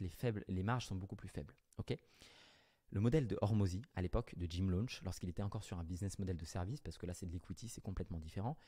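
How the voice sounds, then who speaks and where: A man talking to the camera as a business coach, explaining offers to viewers in a brisk, direct way and correcting himself as he goes. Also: low voice, warm tone.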